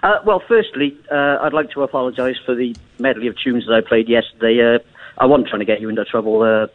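A man's voice: mid-range voice, fast. Man on a tinny phone line. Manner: rambling, hesitant, many fillers. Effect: heard over a phone line. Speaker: caller. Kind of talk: casual phone-in chat.

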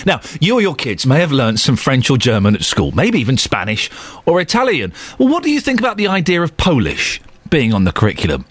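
A man's voice: medium pitch, brisk, breathy edge, no room sound. A man presenting breakfast radio, reading headlines and chatting with a joking manner. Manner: lively, joking between headlines. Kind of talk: breakfast radio news and chat.

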